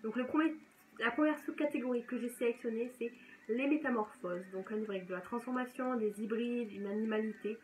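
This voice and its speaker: A young woman vlogs casually about her reading picks, her voice sitting a little high. She talks with eager enthusiasm and often restarts her sentences. A faint noise hums under the recording. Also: fairly quick, rough recording. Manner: chatty, enthusiastic, self-correcting. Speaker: book vlogger. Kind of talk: casual chat.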